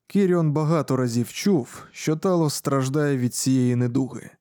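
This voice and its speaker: A man reading a science-fiction audiobook in scripted narration, even and measured. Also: medium pitch, no room sound, clean studio sound.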